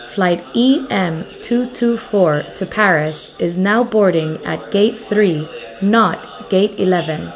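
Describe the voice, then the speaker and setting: A woman reading scripted airport announcements in a formal, measured manner, repeating key details. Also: medium pitch.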